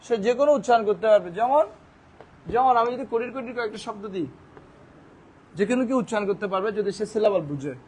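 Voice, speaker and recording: High-voiced teacher breaking words. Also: male voice, darkish tone, a little hiss or hum. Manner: asks questions and answers them himself, repeats words slowly syllable by syllable; speaks in an informal classroom way. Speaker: English grammar teacher. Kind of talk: classroom-style grammar lesson.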